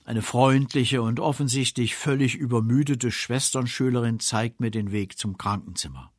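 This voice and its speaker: A man giving a scripted spiritual reflection, measured and quietly self-ironic. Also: mid-range voice, no echo, clean studio sound. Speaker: preacher.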